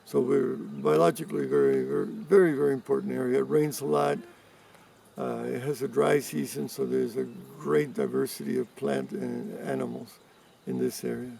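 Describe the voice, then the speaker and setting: An older man in his seventies, originally from Cuba, answers interview questions in a deeply gravelly, dark voice. He explains things in a measured way, pausing and restarting often. The mic sits some distance away, with faint noise behind. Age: 70s. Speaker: interviewee, environmental activist. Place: rural farm in mountains.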